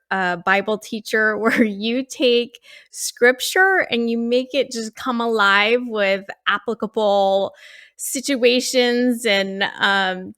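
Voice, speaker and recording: A woman's voice: fairly high pitch, fairly bright tone, no room sound, clean studio sound. A woman hosting a faith podcast interview, encouraging and affirming as she talks with her guest. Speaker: podcast host.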